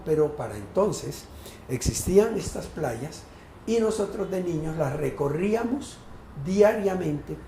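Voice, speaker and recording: Gravelly, dark-voiced older man. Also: fairly high pitch. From Tumaco, Colombian Pacific coast. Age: 60s. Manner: measured, articulate, lyrical. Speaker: interviewee. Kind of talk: reflective storytelling interview. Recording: echoey room with faint background noise.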